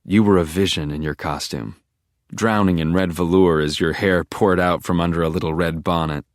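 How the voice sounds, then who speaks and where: A man's voice: low voice, fairly even intonation, moderate pace, no room sound, clean studio sound. A man narrating an audiobook in the first person, with an intense, brooding inner-monologue manner.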